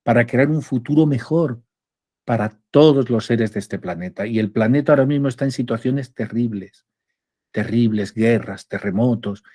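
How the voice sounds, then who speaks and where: A middle-aged man from leads a spiritual class, preaching in an emphatic, unhurried way. His voice sits at a medium pitch for a man. The recording is dry and close, with almost no room echo. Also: dark tone. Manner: slow, emphatic preaching with humor. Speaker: spiritual teacher.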